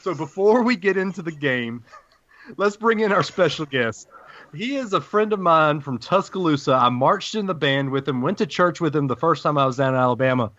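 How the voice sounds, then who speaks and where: Male podcast host, deep Southern accent, slightly high-pitched, folksy showman delivery in casual sports chat. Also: expressive, normal speed, fairly bright tone, dry recording, dull audio.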